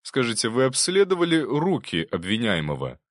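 A man reads an audiobook in a clean studio recording with no echo, voicing a persistent assistant prosecutor who cross-examines with pointed questions. His mid-range voice swings hugely in pitch and is pitched above his own natural voice, at a normal speed.

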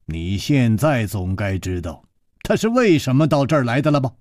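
A man voicing a calm, gentle, self-assured male hero in a storybook reading. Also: dry recording, clean studio sound, close to an everyday voice. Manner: soft, low, measured.

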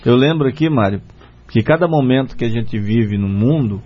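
A man's voice: medium pitch, lively intonation, normal speed, slightly rough. A man with a Brazilian Portuguese accent hosts a spiritist radio program in earnest, conversational talk, often adding "né?". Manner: earnest, retells a story with many "né?" fillers. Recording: dull lo-fi radio recording.

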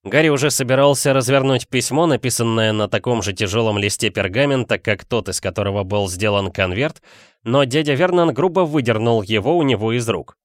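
Male audiobook narrator, steady storytelling, mid-range voice, dry close sound. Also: medium pitch, a little fast, no room sound.

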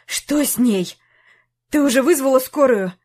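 A woman reading an audiobook voices a grief-stricken, furious young husband who shouts and accuses. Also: sits high, expressive, a little slow. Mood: anguished shouting. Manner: shouting, anguished.

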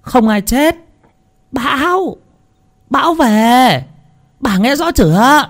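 A man voicing a loud, anxious old village neighbor woman who shouts her warnings. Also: very animated, normal speed. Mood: urgent shouting. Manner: shouting, high-pitched, urgent.

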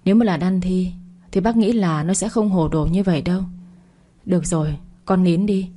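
A woman voicing a composed middle-aged mother in a storybook reading, soothing and measured in manner. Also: lowish voice, mellow, lightly acted.

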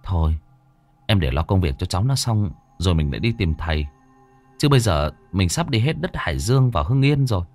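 A man voicing a practical husband who calmly reasons with his wife. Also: sits low, a little fast, faint music behind, exaggerated voice. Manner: reasoning, reassuring. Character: calm practical husband driving.

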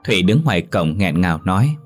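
A man narrating a story in a steady audiobook delivery. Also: sits low, a little fast. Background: faint music.

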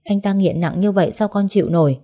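A woman's voice: mid-range voice, fast, warm tone, lightly acted. A woman voicing a defiant adopted daughter who pleads and refuses.

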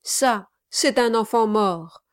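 A woman audiobook reader voicing a gaunt, bitter unemployed man with a raspy voice. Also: on the high side, takes it slowly, no echo, clean studio sound, voice pushed up. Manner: bitter, harsh. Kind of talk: audiobook character reading.

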